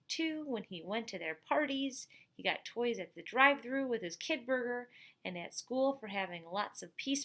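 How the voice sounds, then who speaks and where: Like a storytime teacher, a middle-aged woman with a voice on the high side reads a picture book expressively. She breaks in with chatty comments and questions aimed at the children listening.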